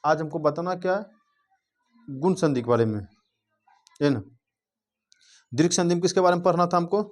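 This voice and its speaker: A man teaching a grammar class in a voice a little higher than most men. He talks the class through each rule, asks questions and keeps checking that they follow. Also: lively intonation, moderate pace. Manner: drills with repeated check-ins, asking the class questions. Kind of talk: grammar lesson.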